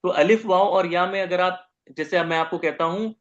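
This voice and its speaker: A man's voice: high-pitched, normal speed, a bit bright, dull audio. A man teaching Arabic grammar in a recorded lecture, explaining patiently and drawing out sounds when he demonstrates them.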